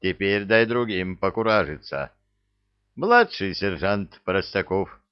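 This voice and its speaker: A man doing a gruff army colonel. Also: sits low, takes it slowly, no room sound, muffled recording. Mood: stern. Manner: commanding, blunt. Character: gruff middle-aged male army lieutenant colonel.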